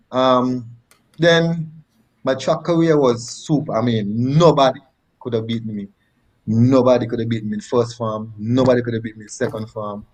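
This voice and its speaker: A man's voice: medium pitch, darkish tone, poor audio. Nevisian man telling his story. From Nevis, Saint Kitts and Nevis. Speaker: interview guest, former track athlete. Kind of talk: conversational personal storytelling.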